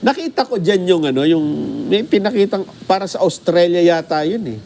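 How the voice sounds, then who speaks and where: A man co-hosting a news program, giving casual commentary in a deliberate manner with pauses mid-thought. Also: high voice, animated, darkish tone, a little hiss or hum. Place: TV news studio.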